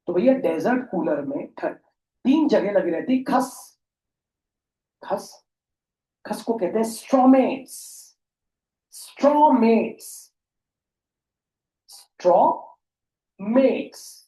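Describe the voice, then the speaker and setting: Tutor guy explaining science, kinda mellow voice, roomy echo and a bit far off. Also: sits high. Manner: chatty, jokey teaching with mock dialogues; mixes Hindi and English. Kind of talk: classroom science lesson. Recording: echoey room, voice from a distance.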